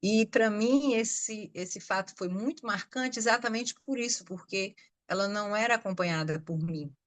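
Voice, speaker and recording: A Brazilian woman who works as a nurse, telling a personal story on a podcast in a reflective way with many pauses. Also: mid-range voice. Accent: Brazilian Portuguese. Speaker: nurse and healthcare worker.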